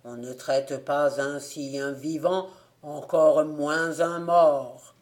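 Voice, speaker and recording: A hollow, cavernous ghost of a dead man, as a woman reader puts him on, speaking low, slow and grave. His words come reproachful and heavy, as in a spoken storybook. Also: steady tone, a little mellow.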